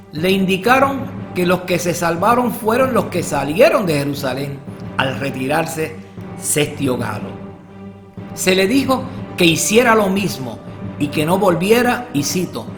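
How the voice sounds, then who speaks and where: A man narrating and commenting in a measured, formal way, carefully marking his quotations. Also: fairly high pitch. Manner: measured, formal, quotes sources. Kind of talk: scripted narration.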